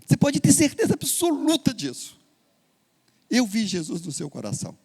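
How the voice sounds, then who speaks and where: Man voicing a gentle, shaken surgeon. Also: extremely high pitch, wildly swooping pitch, normal speed, vocal fry, breathy edge, voice pushed up, heavily acted. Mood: moved. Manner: soft, tender reassurance. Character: gentle middle-aged male surgeon, shaken.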